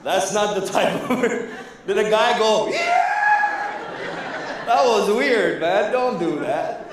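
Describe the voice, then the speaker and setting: An Iranian man performs live stand-up on a comedy club stage, chatting with the crowd in a rambling way full of fillers and restarts. His voice is high with huge pitch swings, and he speaks slowly over heavy background noise. The room is echoey and he sounds far from the mic.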